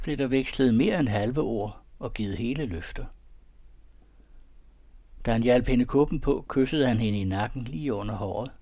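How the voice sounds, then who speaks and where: A man calmly reading a romantic story aloud in a measured, softly expressive way. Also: medium pitch, husky. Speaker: narrator. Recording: dry close recording.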